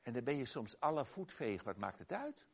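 Gravelly, animated male preacher. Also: medium pitch, moderate pace. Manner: emphatic, exclaiming, swings loud and soft. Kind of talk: sermon with personal story.

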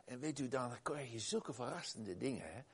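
A man preaching a sermon and telling a personal story, emphatic and exclaiming, swinging between loud and soft. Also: medium pitch, lively intonation, moderate pace, breathy edge.

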